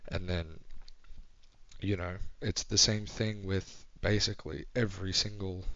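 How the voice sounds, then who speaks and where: A young man with a very deep voice talks in a hushed, near-whispered late-night ramble. He thinks aloud, pausing and restarting often. The recording is dry and a little dull, with no room sound. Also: fairly even intonation, no room sound. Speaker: vlogger. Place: home at night.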